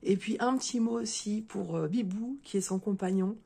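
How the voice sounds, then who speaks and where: A slightly hoarse woman chatting casually to her viewers as she opens a parcel, with many fillers and restarts. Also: mid-range voice, normal speed, warm tone. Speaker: crafting video creator. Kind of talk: casual unboxing chat to viewers.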